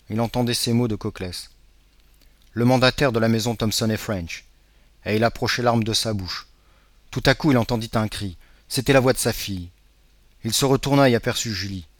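A man narrating a classic novel as an audiobook, in a measured, dramatic reading. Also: fairly low pitch, dry recording.

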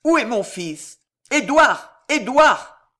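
A reader voicing an anguished male prosecutor who cries out high and loud in panic and murmurs low when stunned, in a storybook reading. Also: big pitch swings, measured pace. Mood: frantic.

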